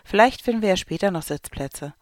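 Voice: mid-range voice, expressive, brisk, no echo, clean studio sound, close to an everyday voice. Narrator doing a reassuring storybook dad. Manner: soothing, explaining. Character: kind, reassuring father.

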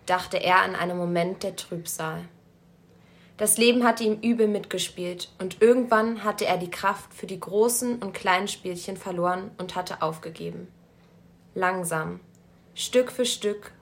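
A woman narrating a story aloud in a calm, measured storytelling voice. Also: medium pitch, vocal fry. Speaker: story reader.

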